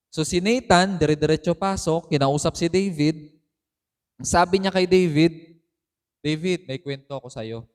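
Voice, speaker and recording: Animated pastor telling a story. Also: male voice, a little high, clean tone. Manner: storytelling, mixing in English phrases, rising emphasis. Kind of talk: sermon. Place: church.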